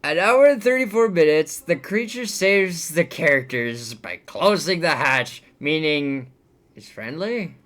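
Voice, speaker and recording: A man reviewing a movie he hates, ranting with heavy swearing. He swings between loud outbursts and low, fed-up mutters. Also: animated, measured pace.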